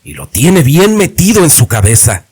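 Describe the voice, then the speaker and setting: A man's voice: on the high side, wildly swooping pitch, moderate pace, darkish tone, slightly rough, heavily acted. A man doing a blunt young hunter's apprentice. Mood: ominous.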